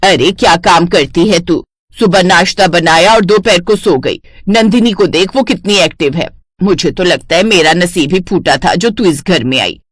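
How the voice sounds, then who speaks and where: A woman voices a scolding older mother-in-law in a cartoon family story, complaining and nagging, grudging yet quick to praise others. Her fairly low voice has a breathy edge at normal speed, recorded clean in a studio with no room sound.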